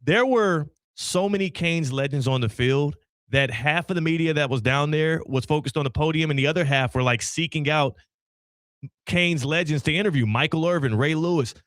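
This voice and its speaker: A man hosting a sports radio show, talking in a loud, energetic and playful way. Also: fairly high pitch, moderate pace, dry recording, clean studio sound. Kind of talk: casual radio talk. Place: radio studio.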